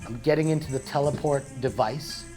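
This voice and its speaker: Young guy spinning a goofy story, playful and over the top, mid pitch, some music behind. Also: a little fast. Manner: animated, playful, mock-dramatic. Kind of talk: comedic storytelling monologue.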